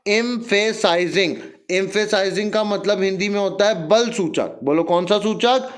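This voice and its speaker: A man teaching English grammar at a slow, deliberate pace, stretching out words and spelling them letter by letter. His voice sits high for a man. He keeps firing questions at his students and has them answer back in chorus. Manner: drills students with repeated questions and call-and-response; slow, spelling out and stressing each word. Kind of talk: classroom lesson in Hindi with English examples.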